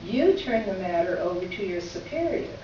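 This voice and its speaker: In a readers theater piece, a woman lightly acts a polite, pointed female columnist, reading her letter aloud in formal, measured phrases with dry irony; her mid-range voice is mellow and sing-song. It's a live reading in a reverberant room, recorded from far off, so the sound is very echoey, somewhat dull and faintly noisy.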